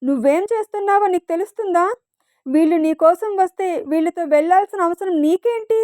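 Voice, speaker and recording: An anxious, loving mother, pleading and distressed, as a woman reader puts her on. The voice climbs high and stays dry and close, with no echo. It belongs to a storybook read aloud. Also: normal speed, darkish tone, natural voice.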